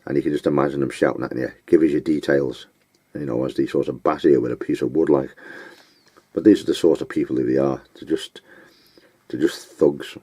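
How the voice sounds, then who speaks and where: A man giving advice in an unscripted monologue, blunt and scornful, with frequent pauses and filler words. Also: very deep voice, fairly even intonation, warm tone, breathy edge, no echo. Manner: blunt, scornful, name-calling; halting, with many fillers.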